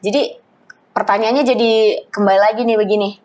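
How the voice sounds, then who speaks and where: A woman's voice: mid-range voice, steady tone, fairly quick, darkish tone. A woman co-hosting a talk show, chatty and agreeable, asking follow-up questions and joking lightly about herself. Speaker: co-host.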